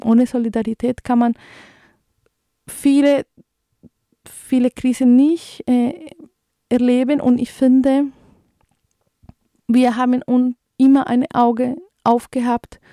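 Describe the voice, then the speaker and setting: A woman of around forty from Colombia, speaking German with a Colombian Spanish accent as a non-native speaker. She hosts a radio show in a halting, earnest way and reads out news. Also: on the high side, creaky, dark tone, dry recording, studio quality. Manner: halting, searching for words, earnest. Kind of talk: radio moderation with read news.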